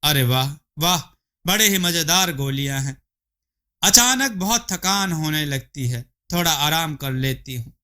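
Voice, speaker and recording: A man voicing a lazy, greedy village wife in a storybook tale, with a whiny, excitable manner. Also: a little high, unhurried. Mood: delighted.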